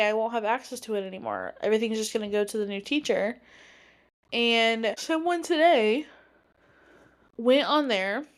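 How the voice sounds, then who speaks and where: A young woman in her twenties hosts her own podcast in a loose, rambling way, stringing thoughts together with lots of filler words. Her voice sits a little on the high side for a woman. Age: 20s. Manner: chatty, rambling, many fillers of like. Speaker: podcast host; teacher. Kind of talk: casual solo podcast monologue.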